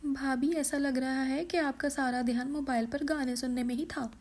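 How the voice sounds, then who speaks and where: A woman's voice: high voice, fairly even intonation, moderate pace, darkish tone. Woman voicing a tattling young sister-in-law. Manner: tattling, complaining.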